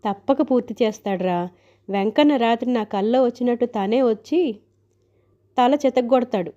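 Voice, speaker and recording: A devout, fretful old mother-in-law who scolds in a slow, raised voice, as a woman reader puts her on. The tone is warm and mellow, and the recording sounds dull and lo-fi. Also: on the high side, natural voice. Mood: scolding.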